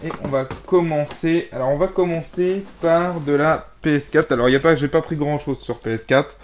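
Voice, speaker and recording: A man's voice: on the high side, normal speed, slight background noise. A young man showing off his game purchases to camera in a casual video, rambling with many fillers while he moves boxes around. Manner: rambling, hesitant, lots of fillers; moving around handling boxes while talking. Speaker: gaming vlogger. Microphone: camera mic.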